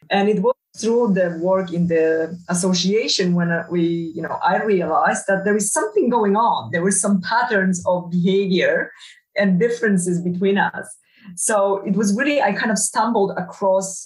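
A woman's voice: on the low side, reverberant, distant mic, rough recording. A middle-aged woman from Poland, a professor, answering interview questions over a video call in a thoughtful way with many fillers and restarts. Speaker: guest, professor.

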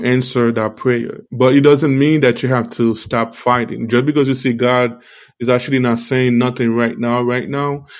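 The speaker is a live-stream preacher offering a relaxed but faltering devotional, repeating phrases because of a toothache that has him talking around a sore tooth and gum. His pitch is medium, and tongue-led articulation from the sore mouth changes his speech slightly.

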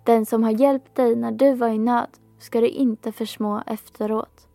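A woman's voice: fairly high pitch, fairly even intonation, gravelly, warm tone, no room sound, faint music behind. A woman voicing a firm, commanding old king speaking to his daughter. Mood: stern. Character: stern fatherly old king.

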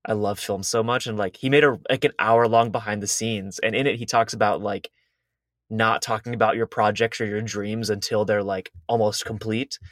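A man's voice: fairly low pitch, steady tone, moderate pace, a bit bright, no echo. Laid-back young man co-hosting, dry sound. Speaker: podcast co-host. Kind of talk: casual chat.

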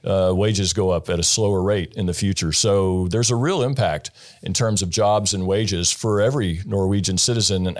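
A middle-aged man from the United States, a guest investor explaining his views in an interview, measured, with frequent fillers. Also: sits low. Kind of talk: interview answers.

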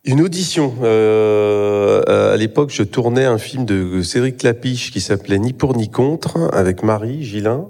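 A man's voice: on the low side, a little slow, hardly any pauses, darkish tone. A middle-aged man, an actor, talking in a live interview on a theatre stage, hesitant, with many fillers and restarts. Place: theatre stage before an audience.

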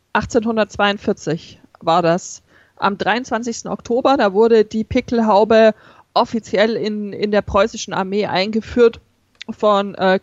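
A woman presenting as a podcast host in an informative, measured way with hesitant pauses, on a slightly dull recording. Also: mid-range voice, dry recording.

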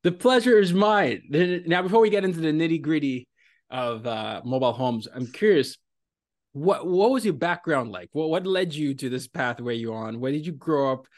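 A man from Nigeria hosting an interview podcast, talking in an animated, conversational way. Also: a little high, normal speed, no room sound, clean studio sound. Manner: animated, conversational, with frequent fillers. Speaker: podcast host.

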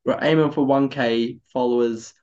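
Tipsy man, lively banter. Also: medium pitch, normal speed. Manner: loose, enthusiastic banter with stammered restarts. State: a bit tipsy. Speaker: podcast co-host. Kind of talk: casual chat. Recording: slightly dull, lo-fi audio.

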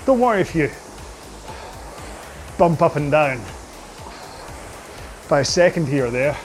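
A man coaching an indoor rowing workout, giving slow, measured cues about posture and pace. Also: a little high, lively intonation, faint music behind.

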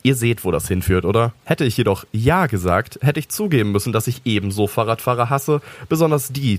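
A man narrating a creepypasta in the first person, calm and sinister with mocking asides. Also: fairly low pitch, no echo.

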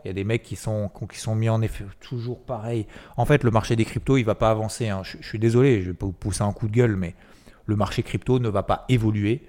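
A man talking casually to his viewers about trading, animated and rambling, with frequent restarts. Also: lowish voice. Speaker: trading commentator. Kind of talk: casual market talk to viewers.

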